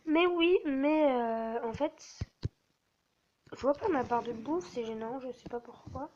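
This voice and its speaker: A woman's voice: sits high, takes it slowly, darkish tone. A woman casually walking viewers through a game server, hesitant and full of fillers. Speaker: gamer showing a server. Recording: dull lo-fi mic with faint hiss.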